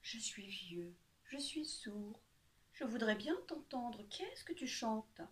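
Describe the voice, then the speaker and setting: A woman voicing a sly male fox who talks slowly and in a hushed, coaxing whisper. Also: a little high, sing-song. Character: sly male fox, feigning old and deaf.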